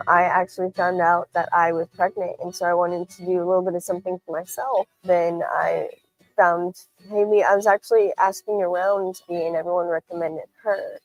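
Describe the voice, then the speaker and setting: A woman with a fairly low voice gives a heartfelt, grateful testimonial. Soft music plays faintly behind her. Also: level tone, normal speed, low-quality recording. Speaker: client giving a testimonial. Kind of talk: sponsor testimonial.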